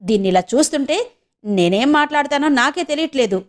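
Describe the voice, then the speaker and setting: A woman's voice: high-pitched, animated, fairly quick, voice pushed up. A woman voicing a fussy, worried old grandmother who frets and complains. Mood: fretful. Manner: fretful, complaining.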